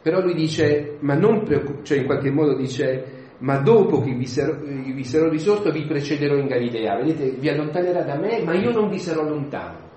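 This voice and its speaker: A man giving an informal homily, conversational and lively, acting out the voices of the people in the story. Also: fairly high pitch, normal speed, hardly any pauses, slight background noise. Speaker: preacher. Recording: echoey room.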